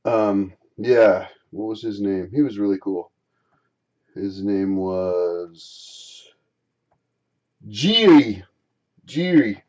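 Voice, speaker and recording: A man vlogging, rambling through a personal story in a halting way, often repeating and restarting his phrases. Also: fairly low pitch, expressive, a little mellow, dull audio.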